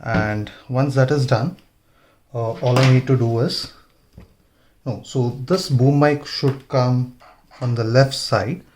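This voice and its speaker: This medium-pitched male voice comes with a faint hiss or hum in the background. He's a motovlogger showing how to install gear, narrating an informal tutorial and musing aloud while he works.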